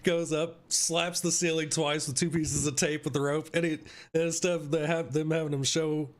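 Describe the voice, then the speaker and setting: A man's voice: on the high side, flat delivery, normal speed. A young man hosting a live stream, casually ranting about a film with lots of swearing, laughter and mocking asides. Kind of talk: casual chat.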